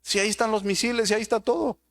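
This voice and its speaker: Male preacher, high voice, sermon delivery built on rhetorical questions to the congregation. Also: steady tone, racing, creaky, a bit bright. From Mexico.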